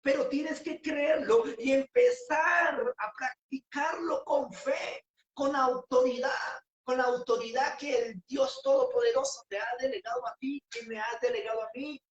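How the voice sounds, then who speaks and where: A woman preaching a sermon with passion, rising to shouts on key phrases. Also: high-pitched, unhurried, roomy sound, lo-fi sound.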